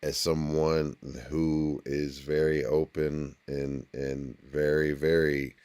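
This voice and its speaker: A man hosting a casual podcast chat who speaks haltingly, repeating words and trailing off. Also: a bass voice, flat delivery, a little mellow, smooth.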